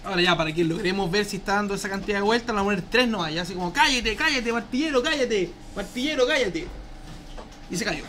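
Chatty Chilean teacher with slangy asides. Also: male voice, sits high, racing, few pauses, a bit bright, a little hiss or hum. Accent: Chilean Spanish. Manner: slangy, chatty, asks "¿ya?" often. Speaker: programming teacher. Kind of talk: live class, casual explaining. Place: classroom.

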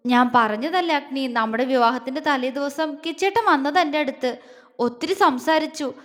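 A woman voicing a shy young bride who speaks softly and sulks, heard in a reverberant room. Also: high voice, moderate pace. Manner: soft, hushed and pleading.

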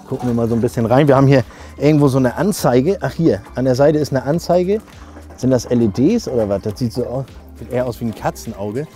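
A middle-aged man from northern Germany hosts a camping video, chatting informally and jokingly as he thinks aloud through a hands-on product test. He's at a camping awning, moving between outdoors and inside the tent, and his voice is medium-pitched with a dark tone.

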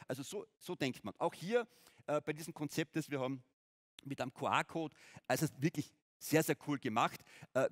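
A middle-aged man giving an informal keynote talk to a conference audience, often checking in with them. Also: mid-range voice. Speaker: conference speaker. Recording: reverberant conference hall.

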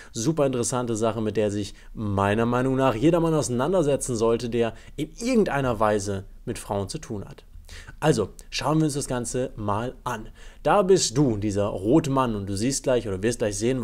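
A man's voice: medium pitch, darkish tone. Young man, dating coach, emphatic explainer lesson, mid-range voice. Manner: upbeat and emphatic, addresses the viewer directly.

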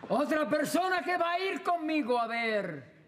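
An actor playing a teasing rival in a sketch comedy, taunting in a drawn-out way. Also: male voice, very high voice, sing-song, a bit bright, slight background noise, full character voice. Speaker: comic actor.

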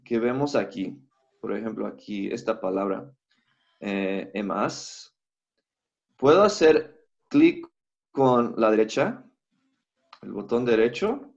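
A man teaching a live Hebrew class online, walking students through software on a shared screen and thinking aloud as he goes. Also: medium pitch. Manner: unhurried, thinks aloud with fillers. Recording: slightly dull lo-fi audio.

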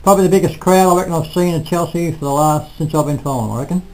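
An older man reviewing a local football match in casual, halting talk full of restarts, recorded on a close webcam in a small room. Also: fairly high pitch, darkish tone, low-quality recording. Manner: rambling, halting, self-correcting. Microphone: webcam at close range.

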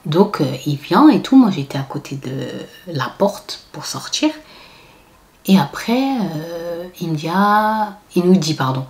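An unhurried woman vlogger with a fairly low voice tells an animated story in casual storytime fashion. When quoting people she acts out their voices, and her asides come out as whispers.

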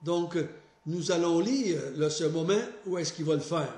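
A man preaching a sermon, reading scripture aloud and rising in pitch to stress his points in an earnest way. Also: measured pace, darkish tone, roomy sound. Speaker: pastor.

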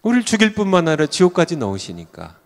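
An older man preaching a revival sermon as a pastor, shouting some lines with fervor and dropping to a low voice for others, chuckling now and then. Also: wildly swooping pitch, fast talker. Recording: long hall reverb.

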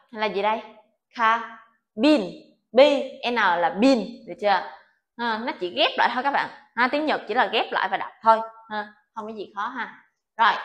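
A woman's voice: fairly high pitch, a bit bright. A woman teaching an online Japanese alphabet lesson, patient and coaxing, often checking that her students follow. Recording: echoey room.

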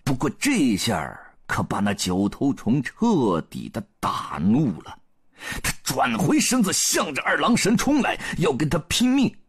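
A male storyteller, telling an old tale with huge swings in pitch. His voice is husky and a touch high. He drops to a hush and then rises to loud calls. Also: unhurried. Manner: animated, swinging from hushed to loud. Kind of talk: dramatic storytelling.

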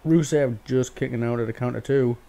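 A man's voice: mid-range voice, brisk, vocal fry, mellow. A man giving casual, swear-laden play-by-play commentary over a wrestling video game, rambling with fillers. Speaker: gaming YouTuber.

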